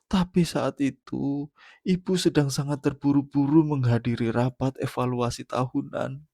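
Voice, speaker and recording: A man voicing a guilt-ridden older female schoolteacher with a trembling, hoarse voice in creepypasta horror narration. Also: mid-range voice, a little mellow, no room sound, clean studio sound, natural voice.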